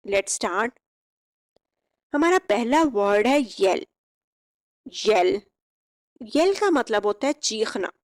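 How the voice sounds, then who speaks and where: A young woman teaching English vocabulary. She reads each example sentence slowly and clearly, then explains it. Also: fairly high pitch, no echo. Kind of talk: vocabulary lesson.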